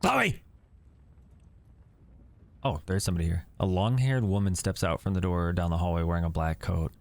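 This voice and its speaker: A man's voice: low-pitched, fairly even intonation, quick pace, dark tone. A young man commentating a game playthrough, reading text aloud and joking nervously. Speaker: gaming commentator. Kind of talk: let's-play commentary.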